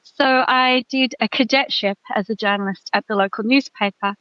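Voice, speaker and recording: A woman's voice: fairly high pitch, steady tone, moderate pace, a bit bright, smooth, no echo, dull audio. A Tasmanian woman in her fifties with an Australian accent, a guest author talking through her life in a thoughtful, self-deprecating way with many fillers. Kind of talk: casual interview chat.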